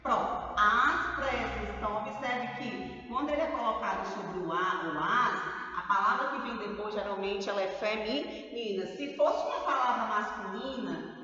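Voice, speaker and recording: Brazilian woman, grade-school teacher, slow stressed syllables; dull, hall-like recording. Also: mid-range voice, pushed and bright. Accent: Brazilian Portuguese. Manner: slow, drawn-out stressed syllables, tag questions. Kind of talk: grammar lesson for children. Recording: roomy, far from the mic, dull.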